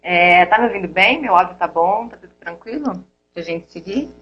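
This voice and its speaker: A woman's voice: fairly low pitch, animated, normal speed, slightly rough. Woman with muffled lo-fi audio. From Angola. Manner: explanatory, thinking aloud. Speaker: nutritionist guest. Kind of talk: live video interview. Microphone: earphone mic.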